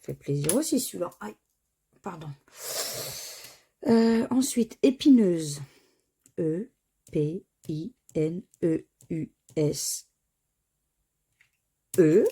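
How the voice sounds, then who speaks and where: A woman's voice: fairly low pitch, expressive, very slow, long pauses, dark tone, a little hiss or hum. A woman chatting casually to viewers as she scratches tickets, spelling out letters one by one. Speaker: scratch-card vlogger.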